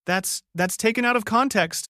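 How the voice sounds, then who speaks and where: A man voicing a shrill, imperious middle-aged woman who heads a homeowners' board, her voice cracking as she shrieks. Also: fast talker, fairly bright tone, no room sound, clean studio sound, close to an everyday voice. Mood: flustered.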